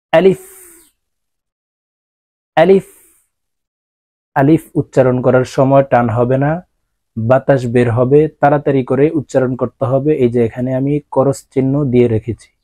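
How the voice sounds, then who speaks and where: A man teaching Arabic letter pronunciation, with a Bangladeshi Bengali accent, explaining calmly and then drawing out each letter in long sung tones. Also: medium pitch, no room sound. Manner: slow, drawn-out sung letter sounds between calm explanations. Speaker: Quran teacher.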